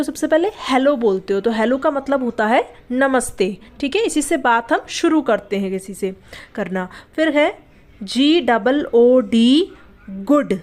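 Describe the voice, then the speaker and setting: A young woman teaching a beginner English lesson, spelling each word out slowly and answering her own questions. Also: high voice, darkish tone. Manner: patient, spells words letter by letter, asks and answers own questions. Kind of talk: spoken language lesson.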